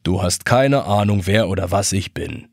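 Brief: man doing a sorrowful talking hourglass for a storybook, hollow, deep and slow, a little husky. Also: expressive, no room sound, clean studio sound, full character voice. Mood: reproachful. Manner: reproachful, slow and gentle. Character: hollow-voiced sad old male hourglass.

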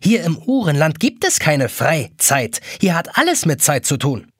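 Brief: man playing a busy little egg timer for a storybook, high, shrill and sharp, punching every word. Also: sing-song, moderate pace, slightly rough, no room sound, studio quality, full character voice. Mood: lecturing. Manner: snappish, stresses every word. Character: shrill, snippy small pink egg timer.

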